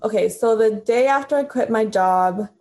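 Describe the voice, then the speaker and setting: A woman's voice: on the high side, normal speed, a little mellow. Woman from honduras, 30s, chatting on a podcast and laughing a lot. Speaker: guest lawyer. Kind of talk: casual podcast interview.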